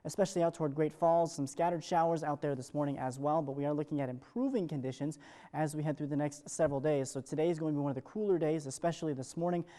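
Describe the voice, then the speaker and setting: A man giving the morning weather on television speaks in upbeat, off-the-cuff broadcast patter, moving briskly. His voice is a little high, with a mellow, smooth tone lacking any sharpness. It's a live forecast presentation.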